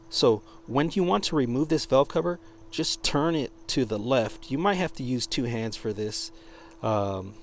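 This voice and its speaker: Casual, halting man over noisy background. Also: mid-range voice, gravelly, darkish tone. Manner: halting, informal, searching for words. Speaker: product reviewer. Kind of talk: casual hands-on product demonstration.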